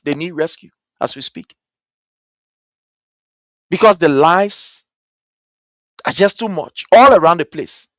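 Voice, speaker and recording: A Liberian political commentary host with a Liberian accent addresses his audience indignantly and mockingly, firing rhetorical questions and repeating points for emphasis. His voice is medium-pitched, and the recording is dry with clean studio sound.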